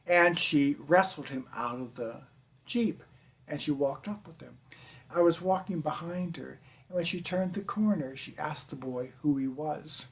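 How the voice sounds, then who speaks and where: Older American man, documentary interviewee, plainspoken storyteller, soft trailing endings. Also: a little high, unhurried. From United States. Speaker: teacher.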